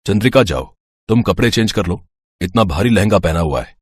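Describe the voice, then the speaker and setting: A man voicing a young police inspector in an animated story, brisk and reassuring. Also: low voice, breathy edge, no room sound. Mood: calm.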